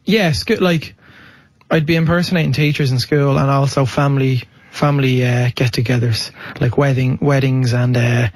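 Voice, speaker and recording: A man's voice: mid-range voice, steady tone, no room sound. A man, an impressionist guest talking eagerly and chattily in a radio studio interview. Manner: eager, chatty, quick to laugh.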